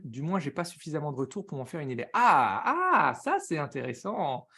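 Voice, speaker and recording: A man with a French accent hosting a live business coaching stream, talking very fast and excitedly, greeting viewers by name and using slang. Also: sits high.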